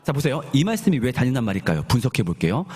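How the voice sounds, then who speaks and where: A male pastor preaching a sermon in a church, animated and often asking the congregation questions. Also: mid-range voice, rapid-fire, breathy edge.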